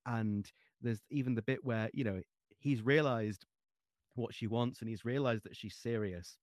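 A man, a guest author on a podcast interview, talking passionately and halting with restarts. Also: mid-range voice, dry recording, studio quality.

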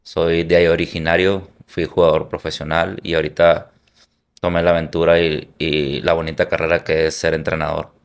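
A man's voice: extremely low pitch, level tone, normal speed, gravelly. A man from Hermosillo with a Sonoran Mexican accent, a football coach and former player, answering interview questions in an earnest, reflective way. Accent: Sonoran Mexican Spanish.

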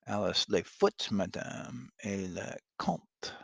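A man plays a gentle French lady-in-waiting. She speaks softly and low, almost in a whisper. The recording is dry. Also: very animated, slow pace, vocal fry, breathy edge, no room sound, exaggerated voice. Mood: polite.

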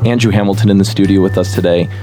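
A man's voice: low voice, fairly even intonation, very fast, over music. A man co-hosting a studio podcast, eager and welcoming toward his guest. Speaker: podcast co-host. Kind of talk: friendly interview hosting.

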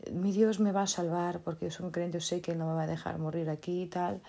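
A devout castaway man, stranded and stubborn, sure he will be saved, as a woman puts him on in a storytelling aside. The voice is husky and mellow underneath, lifted a little for the part. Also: sits high, flat delivery, quick pace.

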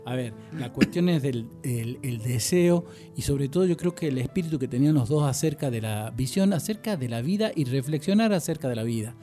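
A man hosts a relaxed radio chat. His voice is mellow and dark in tone, and he agrees constantly while he muses on life. Faint music sits in the background. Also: mid-range voice, brisk, few pauses. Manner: constant agreeing backchannels, reflective. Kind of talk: casual radio conversation.

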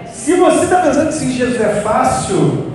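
A man preaching a lively, joking, storytelling sermon. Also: very high-pitched, moderate pace. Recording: echoey church hall, far mic, faint music.

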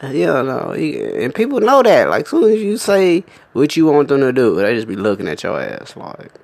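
Man, young adult, comic rant, animated, lively pitch, emphatic, dry close sound. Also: normal speed, creaky, dry recording. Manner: animated, emphatic and laughing, with frequent swearing.

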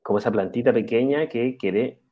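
A man giving a calm, reflective spiritual talk, often checking in with a questioning "ya" and pausing on "eh". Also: medium pitch, slightly rough. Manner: calm, explanatory, pauses with "eh". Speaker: spiritual speaker. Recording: dull lo-fi recording.

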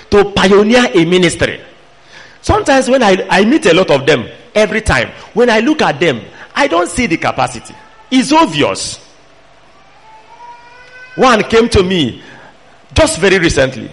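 A man's voice: high-pitched, sing-song, normal speed, long pauses, fairly bright tone. A man with a Nigerian accent preaching a sermon, emphatic and admonishing, putting pointed questions to his listeners. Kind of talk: sermon to a fellowship.

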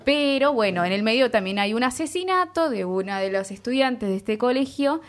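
A woman's voice: fairly high pitch, lively intonation, normal speed. A woman with an Argentine accent, hosting a casual chat and summarizing at length with strong opinions. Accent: Argentine Spanish.

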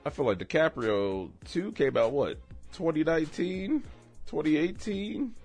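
A man's voice: on the high side, expressive, a little slow, a little mellow, faint music behind. A young man co-hosting a casual podcast, talking in a laid-back, hesitant way with many fillers. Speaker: podcast co-host. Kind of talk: casual chat.

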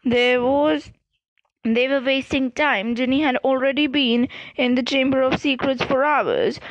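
A woman reading a fantasy novel aloud in a measured, careful way. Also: sits high, dry recording, highs cut off. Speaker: audiobook reader. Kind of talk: fiction read aloud.

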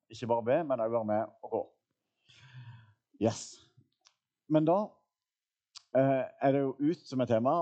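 A man preaching in a church, telling stories in a loose, easygoing way with plenty of hesitations. His voice is mellow and warm, middle-pitched. The recording sounds a bit dull and lo-fi. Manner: casual storytelling with fillers and laughs. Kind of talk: sermon. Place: church hall.

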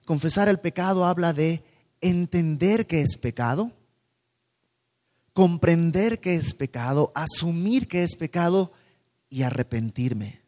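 A man preaching a sermon in a calm teaching tone, posing rhetorical questions to his listeners. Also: on the high side, a little slow. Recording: long hall reverb.

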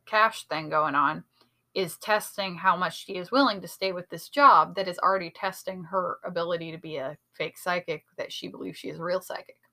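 A woman's voice: lowish voice, normal speed, pushed and bright. A woman co-hosting a podcast, casually breaking down a TV episode in analytical detail, with lots of "like" and "um". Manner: chatty, analytical, many fillers like "like" and "um". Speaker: podcast co-host. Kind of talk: casual chat reviewing a TV episode.

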